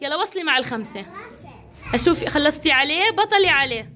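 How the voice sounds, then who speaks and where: Levantine woman, young teacher, high voice, encouraging classroom manner. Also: lively intonation, fast, pushed and bright. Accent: Levantine Arabic. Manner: encouraging, coaxing, lots of praise. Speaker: kindergarten teacher. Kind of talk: classroom instruction to young children.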